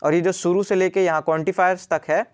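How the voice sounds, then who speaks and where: Young guy tutor going over notes, kinda high voice, super casual, keeps saying theek. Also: fairly even intonation, quick pace, a little mellow. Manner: casual, repeats "ठीक" often, mixes English terms. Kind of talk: screen-recorded study lesson.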